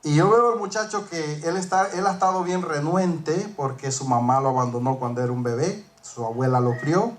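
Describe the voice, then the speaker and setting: A man's voice: a little high, normal speed, few pauses. Emphatic storytelling male preacher. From northern United States. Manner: storytelling, acting out dialogue, rising to emphatic peaks. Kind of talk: sermon with personal story.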